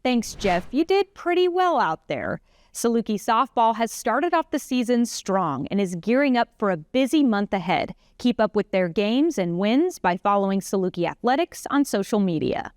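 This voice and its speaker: Lively upbeat female anchor. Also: medium pitch, moderate pace, smooth, no echo, studio quality. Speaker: news show anchor. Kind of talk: scripted news presenting.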